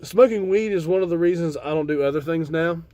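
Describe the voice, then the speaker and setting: A man's voice: on the high side, a little fast, dark tone, no room sound. An American man who sounds stoned, chatting in a laid-back, rambling stoner manner to his viewers with casual swearing. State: stoned on cannabis. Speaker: video host. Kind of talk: casual rambling vlog chat.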